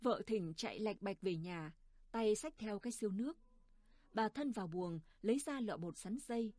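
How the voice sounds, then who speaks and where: A woman reading a village story aloud in a calm, unhurried manner. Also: mid-range voice, dry recording. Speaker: narrator. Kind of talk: storytelling narration.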